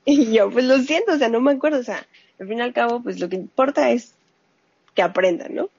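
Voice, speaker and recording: A scientist and mother whose native language is Spanish speaks fairly quickly in a slightly high, slightly rough voice, recorded dry. Chatting casually in an interview, she tells animated stories and quotes what she said. The sound is muffled and lo-fi.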